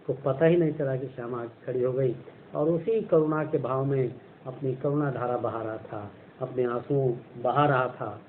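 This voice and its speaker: A male teacher explaining a textbook story, glossing words and asking and answering his own questions. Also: mid-range voice. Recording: tinny phone-like sound, faint noise.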